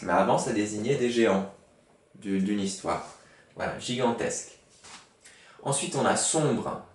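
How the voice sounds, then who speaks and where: A man teaching a spelling lesson to schoolchildren, patient and explaining word origins with many fillers. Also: mid-range voice. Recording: roomy, from far off the mic.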